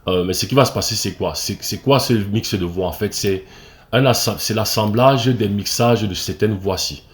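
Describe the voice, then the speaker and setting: A man's voice: fairly low pitch, moderate pace. A man with a Cameroonian French accent, an acting coach explaining step by step, with fillers and restarts and frequent "ok?" checks. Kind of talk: screen-recorded tutorial.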